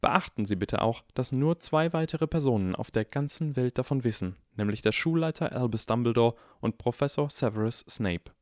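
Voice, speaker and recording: A man's voice: mid-range voice, expressive, moderate pace, hardly any pauses, darkish tone, no echo, clean studio sound, pitched above the performer's own voice, close to an everyday voice. A man voicing a strict elderly female professor in a harsh, clipped whisper, reading an audiobook. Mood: tired.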